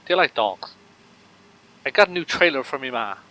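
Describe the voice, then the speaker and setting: A man's voice: medium pitch, animated, moderate pace, pushed and bright, rough recording. A man voicing a chatty Irish man in a put-on mock Irish accent, as a jokey impression. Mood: joking.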